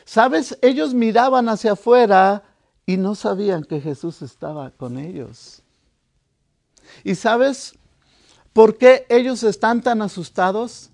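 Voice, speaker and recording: High-voiced, slow preaching man. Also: animated, vocal fry. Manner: dramatic, acting out the disciples' voices; swings from hushed to shouted. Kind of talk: sermon.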